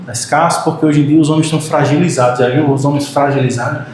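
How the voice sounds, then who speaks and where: A high-pitched Brazilian man preaches with lively humor in a very echoey church hall. A faint hiss sits under his voice. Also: quick pace. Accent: Brazilian Portuguese. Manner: animated, joking with the congregation, acts out short quotes. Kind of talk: sermon.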